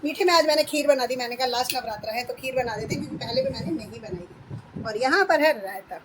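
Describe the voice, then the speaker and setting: A hoarse woman in her thirties chatting through a home vlog, describing her chores step by step. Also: fairly high pitch, fast talker, noisy background. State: hoarse, voice going. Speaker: vlogger. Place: at home, indoors.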